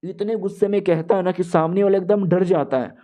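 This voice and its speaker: A man's voice: high-pitched, fairly even intonation, warm tone. A young man casually retelling a manga story in slangy speech, acting out the characters' lines as he goes. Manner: acts out all characters' lines in quick slangy dialogue. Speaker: manga recap narrator.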